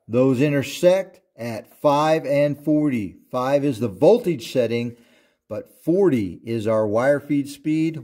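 A man in his thirties walks through a welding lesson at an unhurried pace, each step spelled out carefully. His voice sits at an ordinary middle pitch. He sounds like he is recording in his own auto shop on a camera mic. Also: dark tone. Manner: slow, deliberate, instructive. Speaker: welding instructor. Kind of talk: step-by-step tutorial narration.

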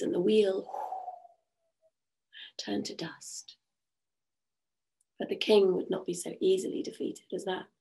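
A woman storyteller with a croaky voice, telling a folk tale in a rhythmic, repetitive and soothing way at an online event. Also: medium pitch, darkish tone.

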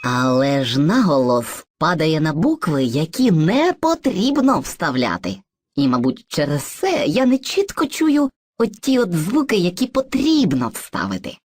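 A woman's voice: low voice, sing-song, unhurried, a little mellow, no echo, studio quality, heavily acted. A woman voicing Surzhyk, an eager, muddled boy who is personified mixed speech, in an educational cartoon, boastful and hesitant by turns. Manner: boastful, hesitant, playfully theatrical.

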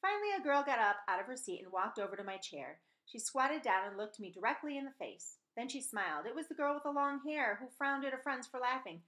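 A woman's voice: high voice, lively intonation, fairly quick, hardly any pauses, fairly bright tone. A middle-aged woman reading a children's novel aloud as a storyteller, recorded indoors at home on a webcam microphone. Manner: acts out dialogue in changed voices. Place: small room at home, indoors. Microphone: webcam or laptop microphone at desk distance.

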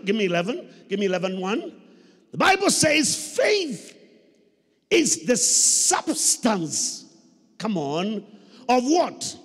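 A middle-aged Kenyan pastor with a very high-pitched, fairly bright voice preaches into a handheld microphone. He is emphatic, repeating phrases and drawing answers from his listeners with questions in a call-and-response sermon. It comes across the echoing PA of a large indoor church hall.

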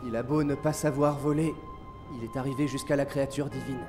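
An actor playing a proud warrior who speaks with solemn humility in a dramatic game cutscene. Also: male voice, medium pitch, fairly even intonation, brisk, natural voice. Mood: solemn, humbled. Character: proud male warrior humbly admitting defeat. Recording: quiet game audio under loud music.

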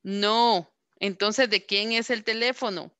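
A woman teaching a class, repeating words slowly and asking questions over and over. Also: medium pitch, fairly even intonation, fairly bright tone, smooth, no room sound, muffled recording. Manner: slow, drawn-out word modelling and repeated questions. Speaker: English teacher. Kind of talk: online class instruction.

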